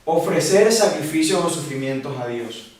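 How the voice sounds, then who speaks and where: A man from Ecuador teaching a catechism lesson to young people, lively and asking questions that he answers himself. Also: on the high side, normal speed, slight background noise. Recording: echoey room, voice from a distance.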